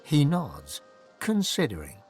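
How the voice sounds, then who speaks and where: An actor playing the narrator of a fantasy video game, giving dramatic scripted descriptions. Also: male voice, on the high side, huge pitch swings, slow, slightly rough, faint music behind, exaggerated voice. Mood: measured, descriptive.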